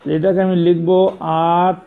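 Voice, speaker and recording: A man with a high voice teaches a math lesson to young pupils. He explains patiently and repeats himself, correcting pronunciation and spelling. The sound is thin and tinny, like a phone line. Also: completely flat delivery, normal speed. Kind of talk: classroom lesson.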